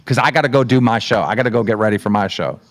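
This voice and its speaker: A man hosting a show, giving brisk instructions on a livestream. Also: fairly low pitch, dry recording. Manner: brisk, directive. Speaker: show host. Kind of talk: livestream chat.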